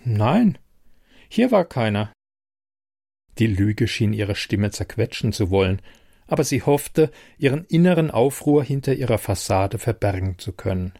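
A man's voice: on the low side, lively intonation, moderate pace, mellow, no room sound. Man reading an audiobook, dry sound. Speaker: narrator. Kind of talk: scripted audiobook narration.

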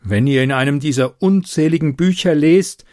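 A man voicing an old, bearded male librarian who speaks slowly, calmly and mysteriously. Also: a little high, no room sound, clean studio sound, pitched above the performer's own voice, close to an everyday voice.

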